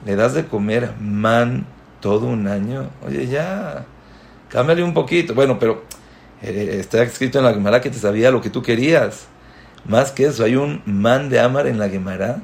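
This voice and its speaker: A man's voice: mid-range voice, normal speed, vocal fry, darkish tone. A man teaching a religious class, lecturing with rhetorical questions and emphatic repetition. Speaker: Torah teacher.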